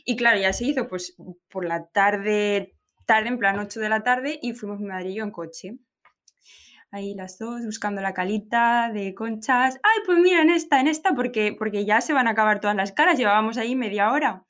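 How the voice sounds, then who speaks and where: A woman's voice: medium pitch, moderate pace. Woman telling an anecdote. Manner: animated anecdote-telling with frequent fillers and restarts. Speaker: podcast co-host. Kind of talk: casual podcast chat, storytelling.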